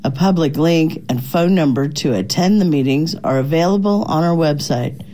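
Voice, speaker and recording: Woman announcer reading a scripted notice, deep-ish warm voice, even and formal. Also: normal speed. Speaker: station announcer.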